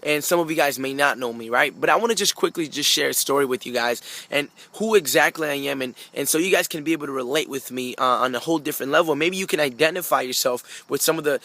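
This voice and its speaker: A man from Peru, a native Spanish speaker who moved abroad at age five, gives an earnest motivational talk to camera, repeating phrases and speaking directly to listeners. His voice is on the high side, bright and forceful, delivered quickly with hardly any pauses. There's no room sound.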